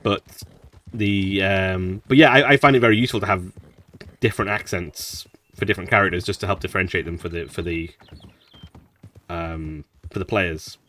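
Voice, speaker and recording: Male gaming streamer, low voice, chatty and rambling, slightly distant mic. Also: moderate pace, pauses often, fairly bright tone. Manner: rambling, chatty, laughs often. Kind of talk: casual gameplay commentary.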